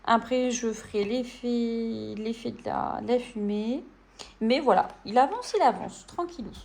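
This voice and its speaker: A woman from France chatting casually to her viewers as she colors, relaxed and full of little fillers and self-talk. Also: fairly high pitch, a little slow, creaky. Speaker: coloring channel host. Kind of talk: casual chat while coloring.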